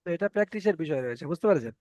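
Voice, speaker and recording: A male teacher with an Indian Bengali accent leads an online Quran reading class, patiently repeating Arabic letter sounds for his students. His slightly high, darkish voice is animated and racing, with no echo.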